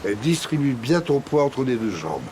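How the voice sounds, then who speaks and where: An actor playing a gruff older retiree who coaches a young man in boxing, blunt and commanding. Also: mid-range voice, very animated, normal speed, darkish tone, slight background noise, close to an everyday voice. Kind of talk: film dialogue.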